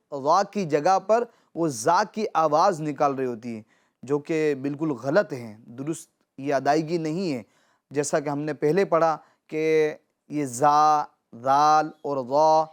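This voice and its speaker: A man teaching children Quran pronunciation, patiently repeating and drawing out words to model them. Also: on the high side. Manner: addresses viewers as dear children. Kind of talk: children's tajweed lesson.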